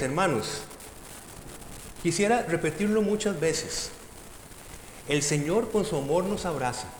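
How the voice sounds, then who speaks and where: A male preacher delivers an emphatic sermon, his high voice swinging up and down as he puts rhetorical questions to the congregation. The sound is roomy, with a long hall reverb. Faint noise sits underneath.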